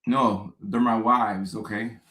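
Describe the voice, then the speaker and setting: A man, hosting a casual live stream and answering viewer questions in a relaxed, chatty way with joking asides. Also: lowish voice, slow, reverberant, low-quality recording.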